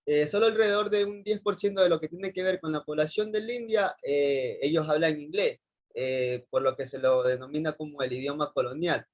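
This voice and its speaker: A man's voice: on the high side, fairly quick. A young man with an Ecuadorian accent giving a rambling class presentation, full of hesitations and repeated phrases. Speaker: university student presenting. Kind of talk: class presentation over video call.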